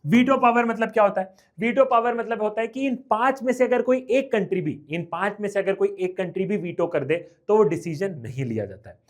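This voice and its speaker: A young man teaching an exam revision lecture, lively and repetitive, often checking whether the class has understood. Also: high-pitched. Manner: reads English lines slowly, then explains quickly.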